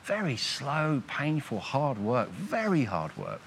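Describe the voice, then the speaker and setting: A man hosting a reflective church panel discussion, earnest and animated, sometimes acting out imagined thoughts. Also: mid-range voice, takes it slowly, gravelly, a little hiss or hum.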